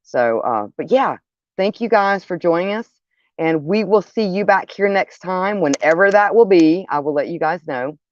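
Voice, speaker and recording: A woman's voice: fairly low pitch, animated, measured pace, a little hiss or hum. A woman hosting a horror livestream, chatting to viewers in an informal, loosely rambling way. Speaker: host of a horror livestream show. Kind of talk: casual livestream chat to viewers, as horror host. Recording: dull, dry lo-fi stream audio.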